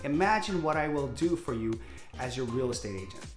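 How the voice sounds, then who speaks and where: Speaking fairly quickly and expressively in a mid-range voice, a Hawaiian man in his 50s gives a direct-to-camera introduction of himself as a real estate agent. He comes across as candid, chatty and salesman-upbeat, with reverberant sound and faint music behind him.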